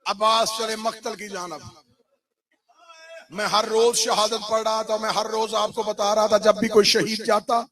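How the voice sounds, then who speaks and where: A man delivering a chanted mourning sermon at a religious gathering, with a passionate, half-sung lament that rises into shouting. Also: high voice, little pitch movement, a crowd in the background.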